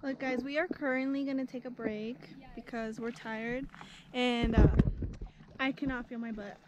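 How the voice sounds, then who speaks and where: A woman's voice: a little high, fairly even intonation, moderate pace, lo-fi sound, very noisy. A young woman vlogging outdoors from a kayak on a lake, chatty and joking with frequent giggles, filmed on an action camera at arm's length. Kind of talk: casual vlog chat.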